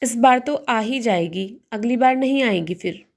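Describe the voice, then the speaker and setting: A woman telling and acting a doll story, speaking as a homely elder sister-in-law and mother who chats and gently scolds. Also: fairly high pitch, measured pace, gravelly.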